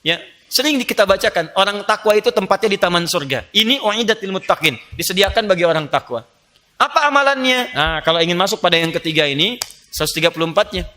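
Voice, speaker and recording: A man preaching a lively sermon, playful and animated, joking with the audience and acting out little scenes. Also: high voice, fast. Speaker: Islamic preacher.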